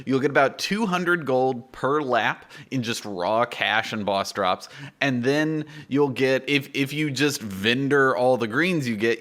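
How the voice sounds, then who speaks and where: Male gaming YouTuber, twenties: crisp-edged bright delivery, mid pitch, informal explainer, conversational with punchy emphasis, close-miked. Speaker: YouTube gaming guide host. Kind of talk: informal explanatory video commentary. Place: small indoor home studio. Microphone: close microphone on boom arm.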